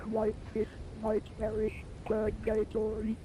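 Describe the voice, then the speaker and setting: A whispery text-to-speech robot voice speaking for a pleading villager character in an online game, with flat, halting, oddly worded machine speech. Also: medium pitch, noisy background.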